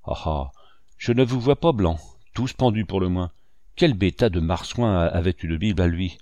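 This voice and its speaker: A cunning old pirate captain, put on by a male audiobook reader, speaks with calm, drawling mockery. The voice sits low and is recorded dry and close. The storybook telling is unhurried and sly. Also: dry recording. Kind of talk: audiobook reading.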